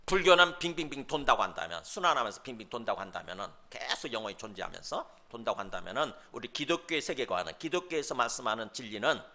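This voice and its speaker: A man's voice: medium pitch, lively intonation, quick pace, hardly any pauses, bright, forceful tone. A male pastor giving a sermon in a conversational way, asking rhetorical questions and briefly mimicking scoffers. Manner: mimics scoffers in mocking asides.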